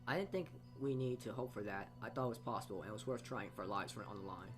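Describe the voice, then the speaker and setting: Reading a visual novel aloud as he plays, this let's player narrates the story and throws in side comments, talking fast in a lowish voice over music. He often stumbles over words and rereads phrases.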